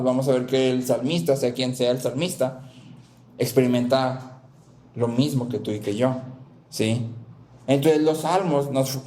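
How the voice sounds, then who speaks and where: A man's voice: mid-range voice, warm tone, echoey room. A man preaching a sermon who repeats his key phrases and keeps asking the listeners "¿sí?" to check they follow.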